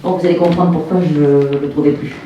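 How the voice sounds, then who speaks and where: A woman's voice: sits low, fairly even intonation, dark tone, slight background noise. Woman author reading her stuff at a conference, echoey room, mic kinda far off. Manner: measured reading, playful asides. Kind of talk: public literary reading with chatty asides. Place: conference hall. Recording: echoey hall, distant mic.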